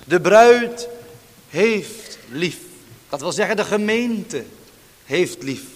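A man's voice: sits high, expressive, slow pace, in a large hall. A male pastor preaching a fervent, declamatory sermon in a church, firing rhetorical questions at the congregation.

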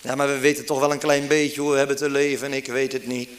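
A man's voice: mid-range voice, flat delivery, fast. A man preaching a fervent sermon, pleading with his listeners and asking them question after question.

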